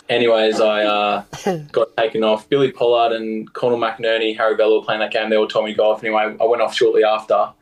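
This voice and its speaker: Young aussie guy, lowish voice, rambly storytelling on a podcast, lots of ums. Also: low-quality recording. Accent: Australian. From Australia. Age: young adult. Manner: rambling, lots of fillers and laughs. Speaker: guest rugby player. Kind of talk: casual storytelling.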